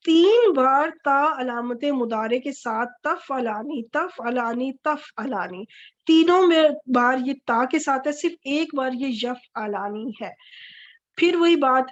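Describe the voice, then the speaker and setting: A woman teaching a Quranic Arabic grammar lecture, patiently repeating verb forms and stressing their endings. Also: high-pitched. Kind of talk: recorded online grammar lecture. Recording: dull lo-fi recording.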